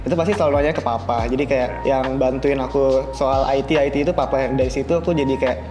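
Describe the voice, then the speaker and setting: A young man who is a university student appears as a podcast guest, chatting casually in an interview. He talks fast in a mid-range voice with fairly even intonation, and background music plays under his voice.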